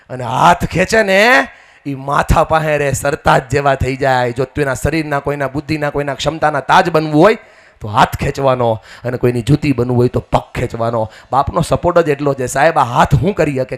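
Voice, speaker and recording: A man gives a folksy, rousing stage speech at a community wedding and leads the crowd in loud chants. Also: fairly high pitch. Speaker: guest speaker at a community mass wedding.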